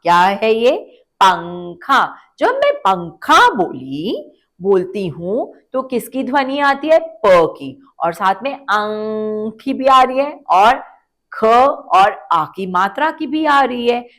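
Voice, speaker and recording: Woman teaching kids phonics, very slow. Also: on the high side, big pitch swings, fairly bright tone. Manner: stretches words and repeats them for children to echo; asks the children questions, then answers. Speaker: children's Hindi teacher.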